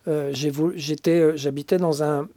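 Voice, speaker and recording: A man's voice: a little high, fairly even intonation, normal speed, mellow, no room sound. A man from the Paris suburbs, casually recalling his own past in a loose, self-interrupting way. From Paris suburbs, France. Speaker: panel guest. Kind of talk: casual personal recollection.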